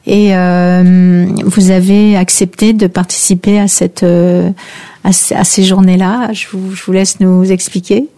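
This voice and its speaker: A woman's voice: fairly low pitch, flat delivery, measured pace, mellow. A woman hosting a radio interview, speaking hesitantly with many fillers and short agreeing replies. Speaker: radio host.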